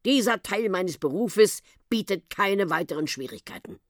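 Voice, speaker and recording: A woman voicing a grumpy, blustering male town policeman in a storybook reading, loud and officious. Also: medium pitch, expressive, moderate pace, no echo, studio quality, voice pushed up, natural voice.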